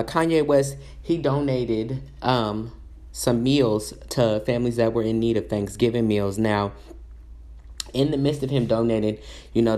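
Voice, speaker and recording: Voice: medium pitch, darkish tone. A commentator giving casual celebrity gossip commentary in a sassy, chatty way, full of asides and fillers.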